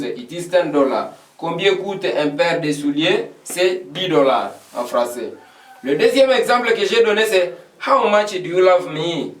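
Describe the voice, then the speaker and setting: A man's voice: sits high, far from the mic. Man teaching English in an echoey room. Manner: patient, repeats phrases many times, checks understanding. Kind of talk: classroom lesson explaining English in French.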